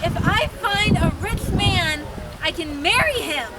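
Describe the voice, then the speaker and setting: A woman's voice: very high-pitched, lively intonation, measured pace. A woman playing a lovestruck, scatterbrained and earnest young lady in a live outdoor comedy. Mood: earnest plotting. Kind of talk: live outdoor commedia dell'arte comedy performance. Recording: distant outdoor recording, crowd and wind noise.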